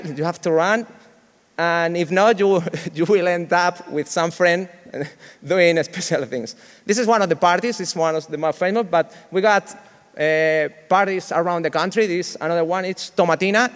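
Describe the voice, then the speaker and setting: A Spanish-accented man in his thirties gives a joking conference talk in a big reverberant hall. His voice sits a little high for a man, and his English is halting, with fillers and self-deprecating asides. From Spain. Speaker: conference speaker.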